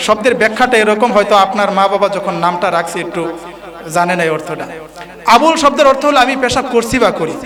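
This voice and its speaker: A fiery preacher whose voice sits very high and rings bright and piercing. He drives a call-and-response sermon at a large gathering. His words carry through loudspeakers and echo with a long tail. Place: large outdoor religious gathering. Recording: long reverb of a loudspeaker hall.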